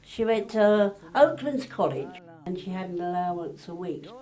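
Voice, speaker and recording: A woman's voice: fairly low pitch, lively intonation, moderate pace, a crowd in the background. A woman being interviewed, speaking plainly and proudly about her daughter. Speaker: parent interviewee.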